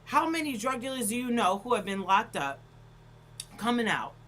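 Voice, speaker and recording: A woman's voice: fairly high pitch, sing-song, moderate pace, fairly bright tone, a little hiss or hum, low-quality recording. A woman hosting a casual panel discussion, talking in a blunt, emphatic way and swearing freely.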